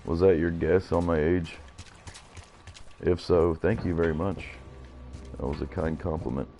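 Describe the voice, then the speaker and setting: A man's voice: low-pitched, steady tone, unhurried, warm tone, faint music behind. A man in his thirties streaming a game live, chatting and rambling to his viewers as he plays. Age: 30s. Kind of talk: casual live gameplay commentary.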